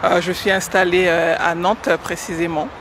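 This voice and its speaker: A woman from French Guiana in her forties, answering radio interview questions about teaching with hesitant pauses and many fillers. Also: lowish voice, level tone, noisy background. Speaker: guest, educator.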